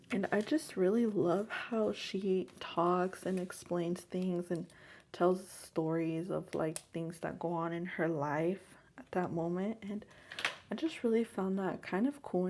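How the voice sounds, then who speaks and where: A young woman chatting casually while decorating a planner, rambling on and sometimes dropping to a hush. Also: mid-range voice, a little hiss or hum. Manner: chatty, rambling, soft and hushed at times. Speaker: planner vlogger. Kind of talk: casual chat over plan-with-me crafting. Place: home room.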